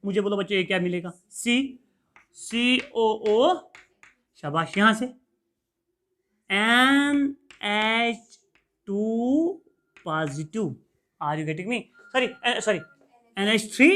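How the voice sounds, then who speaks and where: A man's voice: sits high, a bit bright. Man quizzing students through a lecture. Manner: quizzes students and answers his own questions; repeats key terms in a call-and-response rhythm. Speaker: teacher. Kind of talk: classroom chemistry lecture.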